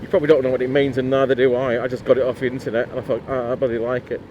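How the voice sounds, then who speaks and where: A man's voice: medium pitch, level tone, very fast, lo-fi sound. A middle-aged man from Lancashire with a Northern English accent, a motorcycle vlogger rambling bluntly while riding outdoors in the cold. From Lancashire, England. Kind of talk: casual talk while riding. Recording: faint road and traffic noise.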